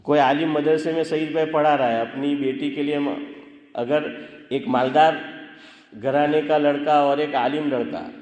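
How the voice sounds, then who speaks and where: A man's voice: fairly high pitch, fairly even intonation, a little mellow. A man preaching in a conversational way to a gathering, often questioning his listeners and chanting verses. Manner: conversational, questions the audience, sings Arabic verses. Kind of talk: informal religious talk to a gathering. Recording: echoey hall with long reverb.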